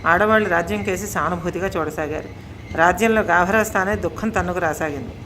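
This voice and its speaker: A woman reading a comic story aloud, narrating in a steady, expressive way. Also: on the low side, a little fast, a little hiss or hum.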